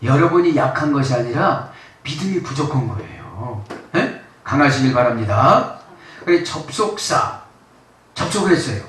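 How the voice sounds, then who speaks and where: Male preacher, slightly high voice, keeps prodding his listeners with quick questions; captured from a distance in a very reverberant hall. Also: lively intonation, a bit bright. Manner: keeps prompting the congregation with quick checks and rhetorical questions. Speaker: pastor. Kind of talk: sermon. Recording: very echoey room, mic far off.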